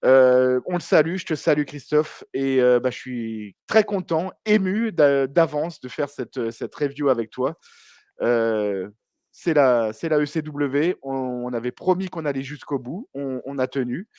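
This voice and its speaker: A man's voice: medium pitch, unhurried, darkish tone, no room sound, clean studio sound. A man co-hosting a podcast, chatty and hesitant with many fillers. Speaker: podcast co-host. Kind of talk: casual podcast chat.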